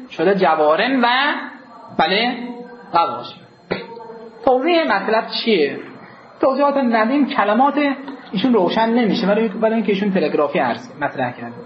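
A man's voice: high voice, background noise. A man teaching a grammar lesson to a class. He asks the students questions, answers them himself, and draws out the key words. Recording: roomy, dull lo-fi classroom recording.

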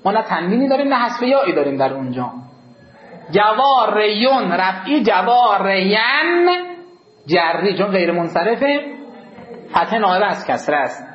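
In a roomy, dull lo-fi classroom recording, a man with a high voice and big swings in pitch teaches a grammar lesson. He asks the class questions, answers them himself, and draws out the key words.

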